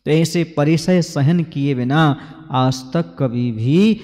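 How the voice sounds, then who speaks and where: A Jain monk with a slightly high, warm voice delivers a slow sermon on scripture, asking his listeners questions and reciting rhyming couplets. A long hall reverb surrounds his voice.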